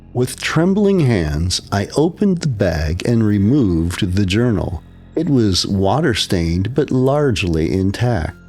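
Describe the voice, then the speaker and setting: A man narrating a horror story as scripted narration, in a slow, hushed and suspenseful way. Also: lowish voice, husky.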